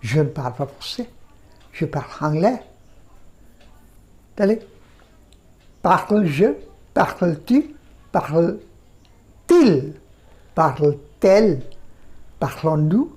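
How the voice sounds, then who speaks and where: A woman teaching a language lesson, explaining grammar patiently and drilling example phrases slowly and deliberately. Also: sits low, warm tone.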